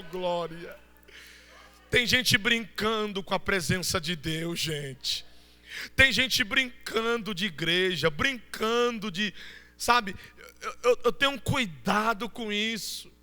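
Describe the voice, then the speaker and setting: A man with a Brazilian Portuguese accent preaching a Pentecostal sermon, shouting fervently and then dropping to soft storytelling. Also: sits high, expressive, takes it slowly, big-room sound. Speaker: pastor. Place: church.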